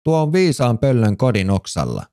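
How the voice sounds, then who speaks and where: A man voicing a lively young male hare in a children's storybook, calling out his lines eagerly. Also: medium pitch, voice pushed up. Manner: exclaiming, eager.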